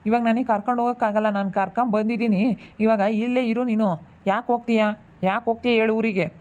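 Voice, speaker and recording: A woman's voice: mid-range voice, a little mellow, lo-fi sound, lightly acted. [name], woman playing a stubborn young husband. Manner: insistent, questioning.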